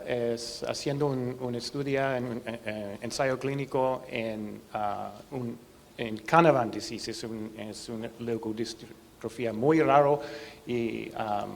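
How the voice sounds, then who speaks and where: Male researcher, American accent, English native. Slow, hesitant presenter groping for words, long room reverb with faint noise. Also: medium pitch, creaky. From United States, Seattle. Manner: halting, hesitant, searching for words in a second language. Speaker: researcher presenting a clinical trial. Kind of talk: presentation talk.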